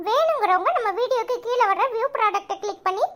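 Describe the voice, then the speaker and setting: A woman voices a chirpy little cartoon child, using a pitched-up voice and talking fast as she presents products in a scripted promotion.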